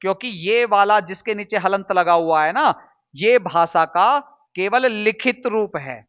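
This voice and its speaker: A man's voice: high-pitched, animated, unhurried, fairly bright tone, muffled recording. A man teaching a Hindi lesson to students, patiently drilling sounds aloud and answering his own questions. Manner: asks questions and answers them himself.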